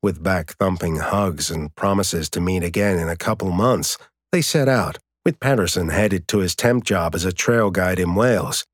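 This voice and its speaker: Deep-voiced male audiobook narrator. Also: no echo, studio quality. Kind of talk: scripted narration.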